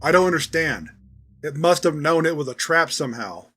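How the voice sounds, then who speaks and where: A man's voice: a little high, lively intonation, normal speed, a bit bright, slightly rough. A man voicing a terse male leader of a covert security team, reading a dramatized audio log with clipped commands. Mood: confused.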